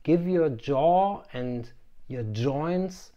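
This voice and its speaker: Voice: medium pitch, expressive, drawn-out words, dark tone, muffled recording. An articulation coach presenting an instructional video, speaking precisely with playful asides.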